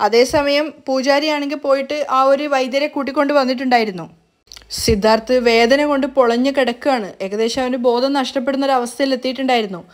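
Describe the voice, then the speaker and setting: High-voiced woman recapping a serial. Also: fairly even intonation, quick pace. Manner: plain storytelling recap with small restarts. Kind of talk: retelling a TV serial episode.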